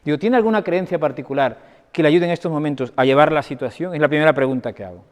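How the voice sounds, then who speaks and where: A man with a fairly high voice gives a lecture as a doctor, speaking conversationally and weaving in anecdotes. He keeps checking in with his audience as he goes. His voice rings with the long reverb of a large parish hall. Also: fast. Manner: conversational, anecdotal, often asks the audience for agreement. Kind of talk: conference talk to an audience.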